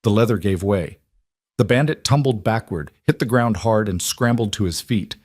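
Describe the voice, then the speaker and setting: A man reading a western story aloud as narrator, in a measured, even storytelling manner. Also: on the low side, no room sound, studio quality. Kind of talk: scripted narration.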